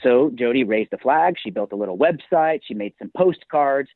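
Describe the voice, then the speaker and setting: A male author telling stories with a motivational speaker's emphasis, his voice at a middle pitch. He sounds thin and phone-like, dry with no room around it. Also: expressive, normal speed, dry recording. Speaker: author and podcast guest. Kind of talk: podcast interview. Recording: tinny phone-like line.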